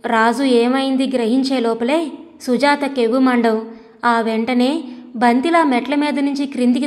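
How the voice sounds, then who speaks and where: Woman narrating an audio story with reverb. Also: fairly high pitch.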